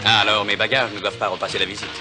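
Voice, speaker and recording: Man playing a courteous, lowish-voiced young nobleman. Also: little pitch movement, rapid-fire, music in the background, lightly acted. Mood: composed. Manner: courteous, refined. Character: polite, bookish young nobleman back from abroad. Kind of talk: French-dubbed television adventure acting.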